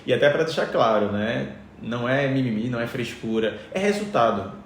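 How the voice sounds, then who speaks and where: Male podcast guest, rapid emphatic explainer, average pitch, roomy echo with faint ambience. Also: animated, slight background noise. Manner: emphatic, uses conversational fillers. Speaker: podcast guest, business speaker. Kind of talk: explanatory conversational talk.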